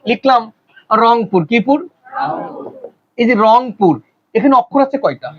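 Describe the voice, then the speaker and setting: Male teacher, high-pitched, quizzing a classroom, muffled lo-fi recording. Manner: quizzing the class with rapid questions. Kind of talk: classroom lecture.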